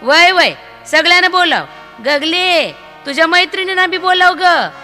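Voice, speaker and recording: A woman voicing a practical village farmer's wife and mother, talking loudly and with animation, in a hall with long reverb and faint music behind. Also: very high-pitched, normal speed, pitched above the performer's own voice. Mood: bustling.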